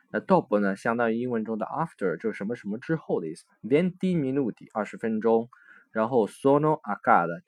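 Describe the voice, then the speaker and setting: A man's voice: lowish voice, no echo. Man, language teacher, patient explaining, fillers, dry close recording. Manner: patient, explanatory, with frequent fillers and self-corrections. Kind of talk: recorded textbook lesson explanation.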